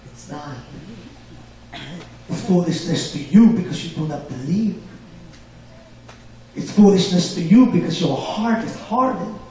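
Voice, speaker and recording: Male preacher, high voice, call-and-response delivery, booming church echo, distant mic. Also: a little slow, pauses often, mellow. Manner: call-and-response, asks for amens. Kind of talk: sermon. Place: church hall. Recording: very echoey hall, mic far off.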